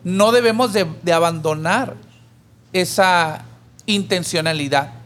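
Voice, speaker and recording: With a high-pitched voice and measured pace, this man co-hosts a church podcast and relates a parable as conversational teaching. He tells it with animation, getting louder for the character who pleads.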